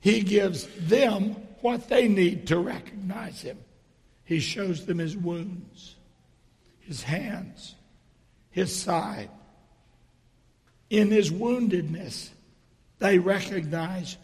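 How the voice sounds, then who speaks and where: A middle-aged or older man giving a sermon in a hoarse stage whisper, his voice almost gone, speaking deliberately with pauses between phrases. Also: high voice, a little mellow. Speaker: preacher. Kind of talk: sermon with storytelling and dry humour. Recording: reverberant hall.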